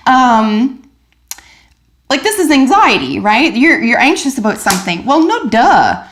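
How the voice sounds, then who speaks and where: A woman giving a general tarot reading to her viewers, animated and enthusiastic, with many fillers and restarts. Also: a little high. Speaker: tarot reader.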